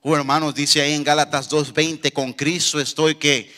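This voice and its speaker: A male pastor preaching with fervor, his voice high and bright, cutting through the room. He keeps calling to the congregation and checking they follow. The sound rings out with a long reverb from a church sanctuary. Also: level tone, moderate pace. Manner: fervent preaching, often calling out "brothers" and asking "right?". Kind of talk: sermon.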